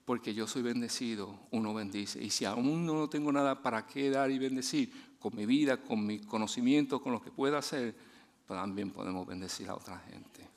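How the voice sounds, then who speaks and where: A man preaching a sermon in a chatty storytelling way, laughing often, restarting his sentences and dropping soft and low for his main points. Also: moderate pace. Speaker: guest preacher.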